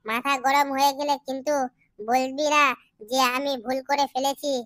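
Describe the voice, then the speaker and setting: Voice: high voice, level tone, normal speed, a bit bright, dry recording, clean studio sound. A performer doing a brash, lovesick young rival. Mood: defiant. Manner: defiant, threatening, brash. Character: lovestruck stubborn young man.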